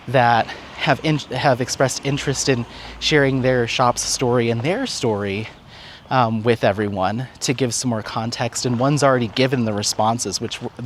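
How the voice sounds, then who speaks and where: Outdoors on a walk-and-talk vlog update, a craft vlogger and content creator chats casually, upbeat and rambling. His voice is mid-range, with slight background noise.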